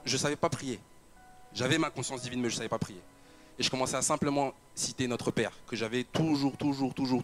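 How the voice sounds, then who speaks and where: Young guy giving his testimony, lots of repeats and euhs, music faint behind. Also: mid-range voice. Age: young adult. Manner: storytelling with repetitions and fillers. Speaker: church member giving a testimony. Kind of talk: personal testimony told to an audience.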